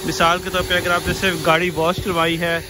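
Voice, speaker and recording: A man's voice: high-pitched, monotone, brisk. A middle-aged man talking casually to a camera outdoors at a car wash, explaining each step with many fillers. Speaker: vlogger. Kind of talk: casual vlog commentary. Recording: outdoor street noise behind voice. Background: cars and outdoor urban noise.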